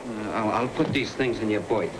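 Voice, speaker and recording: A man's voice: on the low side, moderate pace, natural voice. An actor playing a bumbling, eager-to-please sidekick in a 1930s screwball comedy film, stammering through his banter. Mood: sheepish. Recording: noisy old 1930s film soundtrack.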